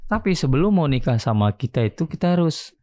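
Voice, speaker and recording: A man's voice: on the high side, fast. Casual storytelling man, podcast guest. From Indonesia. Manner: animated storyteller, slangy casual speech.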